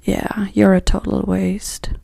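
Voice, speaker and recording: Woman as a slow, demonic soft-spoken devil, ASMR role-play. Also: mid-range voice, little pitch movement, creaky, no room sound, clean studio sound, heavily acted. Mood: mocking. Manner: demonic soft voice, slow, taunting, foul-mouthed. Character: cruel, mocking female devil tormenting a sinner in Hell.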